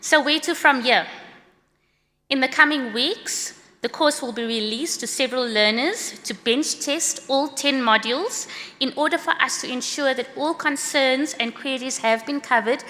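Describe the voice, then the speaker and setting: A middle-aged South African woman giving a prepared conference talk about a course she created, in a brisk, earnest, slightly read-out manner. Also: high-pitched, sharp tone. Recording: long hall reverb.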